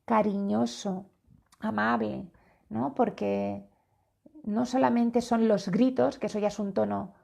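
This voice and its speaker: Slow, gravelly-voiced woman parenting coach. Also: medium pitch, fairly even intonation, warm tone. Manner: slow, deliberate, demonstrates tones by acting out phrases. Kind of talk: live-streamed talk to viewers. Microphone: phone or webcam live stream.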